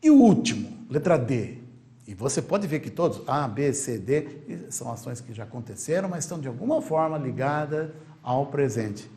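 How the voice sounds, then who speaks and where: A Brazilian man with Portuguese as his first language, teaching an online English grammar lesson in an emphatic way, repeating key words slowly and checking in often with quick questions. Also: medium pitch, sing-song, mellow.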